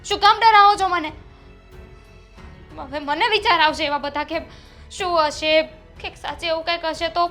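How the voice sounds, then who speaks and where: An actress playing a young wife who defends herself to her mother-in-law and grows anxious, with soft music behind. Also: high-pitched, steady tone, normal speed. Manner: defensive, protests then worries aloud. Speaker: actor in a family drama. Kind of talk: short-film drama acting. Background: soft background music.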